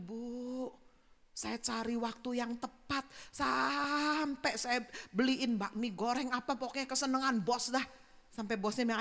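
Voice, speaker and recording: Woman, pastor, blunt storytelling sermon, bright voice, long church-hall reverb. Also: fairly high pitch. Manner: blunt storytelling, acting out dialogue. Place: church sanctuary.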